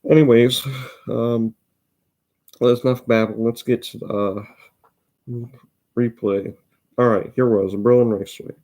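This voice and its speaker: A fourteen-year-old with a Midwestern accent hosts a racing video, rambling casually over race replays, chatty and often cutting himself off. His male voice is medium-pitched and dark, with little pitch movement, a measured pace, and frequent pauses.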